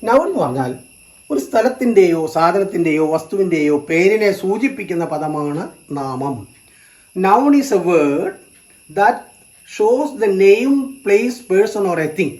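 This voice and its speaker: A teacher giving a grammar lesson, slow and repetitive, stating each term in two languages. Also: medium pitch, expressive, darkish tone, reverberant, poor audio.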